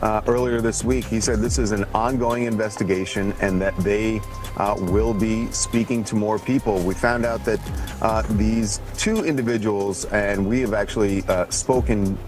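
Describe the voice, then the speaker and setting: Low-voiced, halting man over music. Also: steady tone. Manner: halting, hedging speech full of hesitations. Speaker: entertainment news producer and guest commentator. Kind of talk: unscripted news interview.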